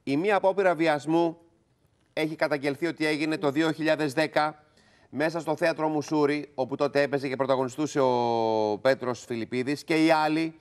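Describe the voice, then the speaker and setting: A man's voice: a little high, steady tone. A man hosting a TV news panel, recapping a court case and handing questions to his co-hosts. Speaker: TV news show host. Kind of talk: studio news discussion.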